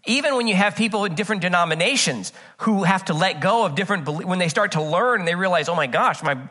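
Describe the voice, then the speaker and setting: A man delivers an earnest, conversational sermon, moving between scripture reading and humorous personal stories. His voice sits a little high for a man and has a bright, forward ring. He often stalls on repeated "uh" fillers as he gathers his thoughts. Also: fast talker. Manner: earnest and chatty, with frequent "uh, uh" fillers; tells personal anecdotes with humor. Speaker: pastor.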